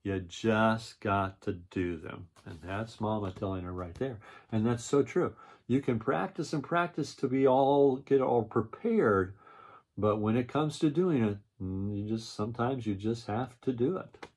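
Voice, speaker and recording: A man's voice: medium pitch, animated, moderate pace, a little mellow, breathy edge. An older man with a grandpa voice, reading a children's picture book aloud and adding explanatory asides. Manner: grandpa voice, explains and repeats story points.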